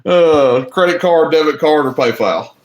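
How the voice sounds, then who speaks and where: A middle-aged man from Tennessee hosts an online auction live, his casual livestream chat folksy and joking, with a Southern drawl and frequent "y'all." His voice is fairly high-pitched and unhurried, and it sounds reverberant.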